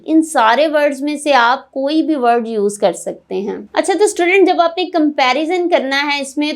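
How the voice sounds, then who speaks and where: A woman teaching an IELTS writing lesson. She reads English word lists slowly and deliberately, and she asks her students questions and then answers them herself. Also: sits high. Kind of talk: explanatory lesson mixing Hindi and English.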